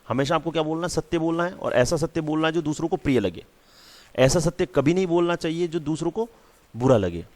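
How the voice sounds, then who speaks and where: Male teacher, patient repetitive explaining, average pitch. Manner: repeats key words, frequent "theek hai" check-ins. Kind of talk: explaining a school lesson.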